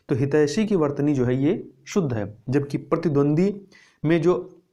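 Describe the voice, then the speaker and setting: A man teaching exam prep, with a mellow, warm voice set a little high. He works through each question step by step, posing a question to the class and then answering it himself. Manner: explains step by step, repeats answers, asks and answers his own questions. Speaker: Hindi teacher.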